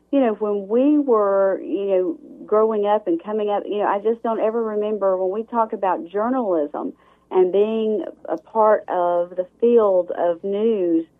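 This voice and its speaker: A woman who hosts a morning radio show, a guest on a talk show, speaking emphatically in long run-on sentences. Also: mid-range voice. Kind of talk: talk show interview over the phone. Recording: tinny phone line.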